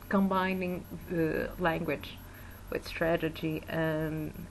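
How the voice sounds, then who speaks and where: A woman's voice: on the low side, a little hiss or hum, rough recording. A woman from Portugal, a teacher, giving a spoken video review with many fillers and restarts. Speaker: English and German teacher. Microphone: built-in webcam mic.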